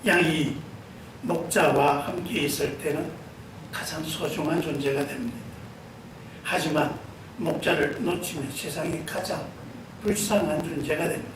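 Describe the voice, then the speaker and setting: High-voiced pastor preaching in an echoey church. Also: male voice, a little slow. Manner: storytelling, addressing the congregation directly. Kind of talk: Sunday sermon. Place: church sanctuary. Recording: echoey church hall, voice from far off, room noise.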